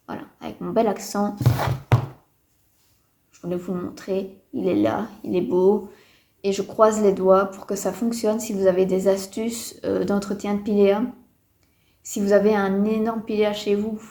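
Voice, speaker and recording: Mellow-voiced woman chatting about houseplants. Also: mid-range voice. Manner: chatty, hesitant with many fillers, mildly disappointed. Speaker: houseplant vlogger. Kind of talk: casual chat to camera. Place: indoors at home. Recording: roomy echo.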